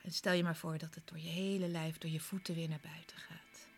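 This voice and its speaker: A woman guiding a relaxation exercise in a soft, soothing, partly whispered voice, with slow short instructions and pauses. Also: sits low, little pitch movement. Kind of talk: soft, soothing guided relaxation with breathy, part-whispered delivery. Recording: clear background music. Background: relaxation music.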